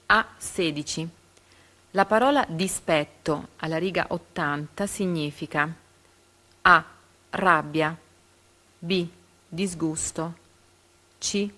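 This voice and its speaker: Comprehension quiz questions and answer choices are read out by a woman with a low, bright, forceful voice, who pauses carefully following each letter.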